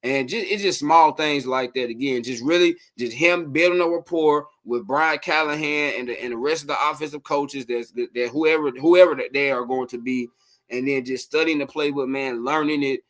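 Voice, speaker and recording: A man hosting a casual late-night sports podcast livestream, rambling and animated, talking to his viewers. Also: mid-range voice, normal speed.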